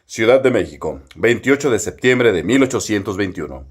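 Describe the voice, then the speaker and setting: A man's voice: on the low side, lively intonation, moderate pace, slightly rough. Give me a man playing a grand old-time newsreel announcer, solemn and declaiming. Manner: solemn, declaiming news bulletin delivery. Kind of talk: reading a period news item aloud.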